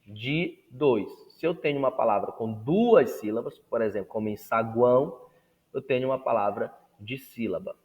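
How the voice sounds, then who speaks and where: A man's voice: medium pitch, lively intonation, normal speed, long reverb tail, phone-quality sound. A man teaching a Portuguese grammar lesson. He stretches words out syllable by syllable when modelling them and checks in with his students through questions. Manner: asks the class rhetorical check-in questions. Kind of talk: recorded classroom lesson.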